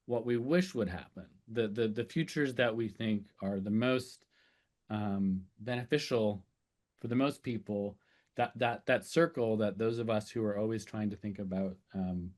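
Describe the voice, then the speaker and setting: Man, slightly low pitch, conference talk, loose, conversational, lots of "um"s and "uh"s. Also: moderate pace, a little mellow. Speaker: speaker and sessional lecturer.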